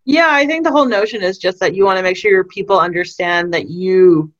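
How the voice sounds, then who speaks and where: A woman's voice: medium pitch, brisk, dull audio. A woman hosting a podcast in a casual, amused manner, often teasing and laughing. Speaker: podcast host.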